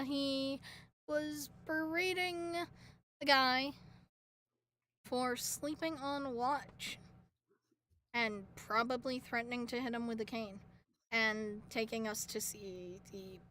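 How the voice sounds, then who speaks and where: A woman's voice: high voice, sharp tone, a little hiss or hum. A woman playing in a tabletop game who recaps a scene hesitantly, with fillers. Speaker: player.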